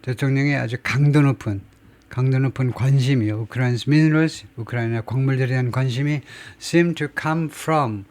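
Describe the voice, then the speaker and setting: Middle-aged male English teacher, mid pitch, slow deliberate reading of English, chatty explanations with fillers. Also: a little mellow. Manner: reads English slowly, explains in Korean with frequent fillers. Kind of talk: line-by-line news article lesson.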